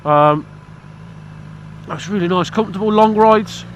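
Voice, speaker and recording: A British man with a high voice talks a little slowly, over slight background noise. Stuffy from hay fever, this motorcycle vlogger rambles casually to camera outdoors about his motorbike, blunt and cheeky throughout.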